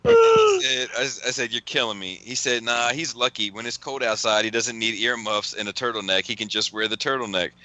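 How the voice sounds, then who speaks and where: A man's voice: mid-range voice, big pitch swings, a little fast, bright, forceful tone, dry recording. A man hosting a podcast in casual chat, rambling through a funny story with lots of laughing and swearing. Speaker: podcast host.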